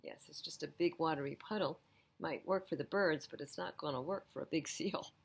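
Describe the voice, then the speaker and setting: A creaky, low-pitched woman reads fairly quickly from a picture book at a library's children's storytime, pausing to explain the pictures and add gentle comments for the young listeners.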